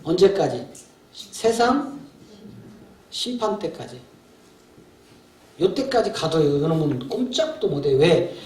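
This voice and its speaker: A man's voice: a little high, sing-song, slow pace, pauses often, darkish tone. A man preaching as a pastor at a seminar, talking colloquially and emphatically, often asking his audience rhetorical questions. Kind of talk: sermon. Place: seminar hall. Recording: echoey hall from far off.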